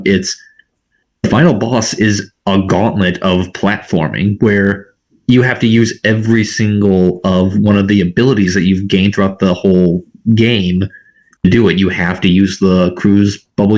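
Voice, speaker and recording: Low-voiced man giving measured analysis. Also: darkish tone. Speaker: podcast co-host. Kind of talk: casual gaming podcast chat.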